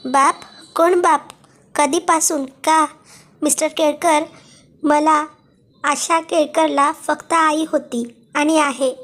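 A woman voicing a defiant young woman who confronts her absent father in a cold, sharp, cutting voice. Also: high voice, fairly even intonation, slow, long pauses. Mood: icy, accusing.

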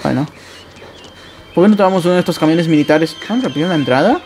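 A man with an Argentine accent and a high voice talks through a horror game as he plays it. He is jumpy and excitable, breaking into yelps, laughs and casual swearing. Faint game music runs underneath. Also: fast. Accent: Argentine Spanish. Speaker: gameplay streamer. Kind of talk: live horror game commentary.

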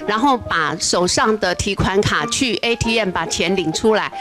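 A woman police officer talks in a casual, explanatory way on a TV talk show, with a lot of "ha" tags between phrases. Her voice sits at a middle pitch, and clear background music plays under it. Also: normal speed. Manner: explanatory, with frequent "ha" tag particles.

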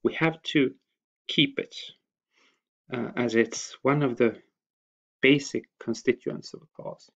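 Slow, gravelly-voiced male lecturer. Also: medium pitch, a bit bright. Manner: hesitant, many filler pauses. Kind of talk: recorded slide lecture. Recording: dull lo-fi voice recording.

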